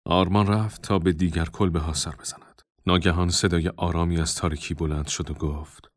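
A man narrating a storybook in a calm, measured reading. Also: low voice, no room sound.

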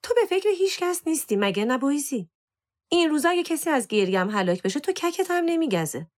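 A woman's voice: high voice, big pitch swings, voice pushed up. A woman reading a storybook voices a moody, self-conscious teenage girl who whines and pleads. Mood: scolding. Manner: whiny, pleading with her cat.

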